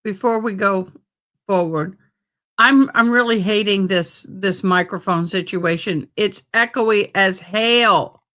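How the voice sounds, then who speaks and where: A woman's voice: mid-range voice, takes it slowly, fairly bright tone. A woman hosting a livestream, chatting casually and informally to her viewers in a folksy way. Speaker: livestream host.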